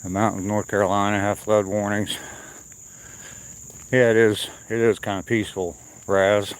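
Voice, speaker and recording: A man walking and talking on a wooded trail outdoors, chatting casually and unscripted to his viewers, with pauses. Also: lowish voice, little pitch movement, clear, resonant tone. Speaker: livestreamer on a morning walk. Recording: outdoor noise, insects and nature ambience.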